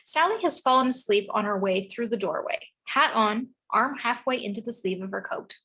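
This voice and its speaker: A woman's voice: fairly high pitch, animated, moderate pace, pushed and bright, husky. A woman narrating the stage directions of a script in a read-through.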